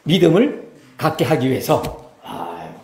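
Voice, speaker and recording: A man's voice: mid-range voice, a little slow, vocal fry, a little hiss or hum. A middle-aged man, preaching a sermon as pastor, talking with the congregation and acting out quotes. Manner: lively, talks with the congregation, acts out quotes. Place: church sanctuary. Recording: roomy church hall.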